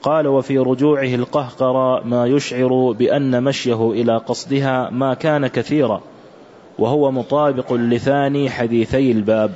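A man reading aloud a classical religious commentary for a teacher, in a measured, careful recitation. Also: mid-range voice, fairly even intonation, darkish tone, slight background noise. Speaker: student reading the text aloud. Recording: dull lo-fi recording.

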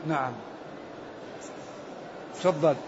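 High-voiced man teaching patiently. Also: very slow, darkish tone. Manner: explains patiently, repeats words, prompts the reader on. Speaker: teacher explaining a text. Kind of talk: explanatory lesson commentary. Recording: dull lo-fi recording with faint hiss.

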